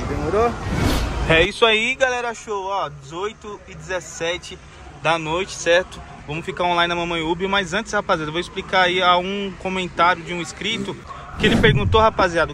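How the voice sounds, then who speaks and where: High-voiced São driver vlogging. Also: male voice. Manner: slangy, calls viewers family and guys. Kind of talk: casual vlog narration. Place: inside and around a car in the city. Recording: noisy car and street recording. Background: street and traffic noise.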